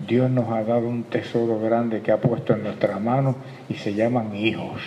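A man preaching a sermon, calling his listeners brother and swinging from quiet reflection to loud, emphatic bursts. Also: on the low side, level tone, normal speed, slight background noise. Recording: echoey hall, dull lo-fi sound, faint ambience.

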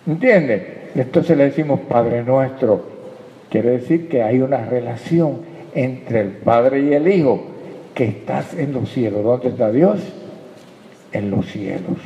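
A man preaching a sermon, calling for amens and dropping into hushed prayer. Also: mid-range voice, animated, slow. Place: church hall. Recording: echoey hall, dull lo-fi sound.

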